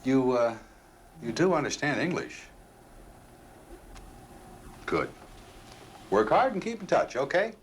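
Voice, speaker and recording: An actor playing a smooth, condescending male union official who brushes off the workers. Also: medium pitch, sing-song, slow, long pauses, slight background noise. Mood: glib. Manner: glib, condescending reassurance.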